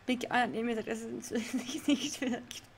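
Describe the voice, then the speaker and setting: A woman's voice: fairly high pitch, fairly even intonation, measured pace, a little hiss or hum. A young woman streaming a game live, chatting with her chat, laughing often and getting confused. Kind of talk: live let's play with chat reading. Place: home room.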